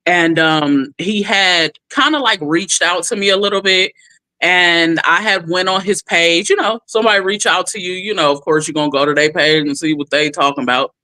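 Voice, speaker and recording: A woman's voice: fairly low pitch, moderate pace, no echo. A woman in her thirties from California, telling her story candidly in an interview and acting out quotes. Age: 30s. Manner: expressive, animated, acts out quotes. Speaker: guest.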